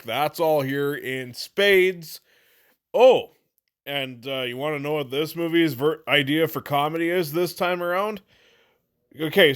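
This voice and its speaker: A man's voice: on the high side, fairly bright tone. A man giving a casual, sarcastic movie review, blunt and full of swearing. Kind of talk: casual profane review monologue.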